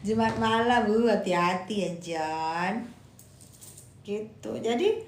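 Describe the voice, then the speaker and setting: A woman's voice: mid-range voice, slow pace, roomy sound. A woman giving casual live-stream commentary. She argues emphatically, repeats her points and answers viewer comments aloud.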